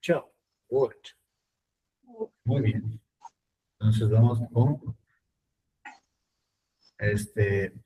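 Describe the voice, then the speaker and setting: A man teaching an online English class, speaking slowly and repeating words for his students to copy. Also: medium pitch, far from the mic, slight background noise, poor audio.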